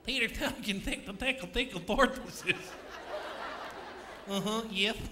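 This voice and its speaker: A cocky pelican puppet, voiced by a man with a high, squawky pitch and a sassy, mocking drawl. It is recorded live on stage, and a noisy theater crowd can be heard clearly in the background. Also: a little slow. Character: cheeky wisecracking male pelican puppet.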